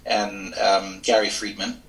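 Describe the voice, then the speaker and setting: A middle-aged man from Switzerland speaks in a low, crisp and bright voice, telling his story with candid, self-deprecating ease. He sits well back from the microphone on a video call. The room rings with echo around him. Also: little pitch movement, takes it slowly. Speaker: interviewee, lawyer and mediator. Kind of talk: reflective interview storytelling. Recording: echoey room, distant from mic.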